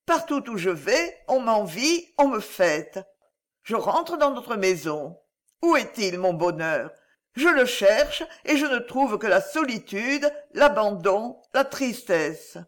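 A man's voice: high-pitched, big pitch swings, slow pace, fairly bright tone, full character voice. A man voicing a proud young wife who pleads with her husband in an impassioned, tearful way. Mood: anguished.

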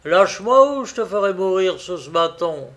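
A man's voice: high voice, lively intonation, normal speed, a bit bright, pitched above the performer's own voice. A man reading an audiobook, voicing an obsessive young suitor who turns threatening. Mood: contemptuous. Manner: impassioned and menacing.

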